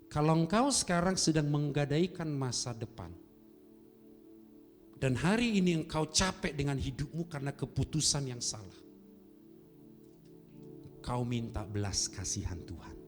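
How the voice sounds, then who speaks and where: A man pastor preaching a sermon, animated, swinging between soft, quiet passages and loud emphasis. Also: a little high, unhurried, pauses often. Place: church hall. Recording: long reverb in a church hall with music behind.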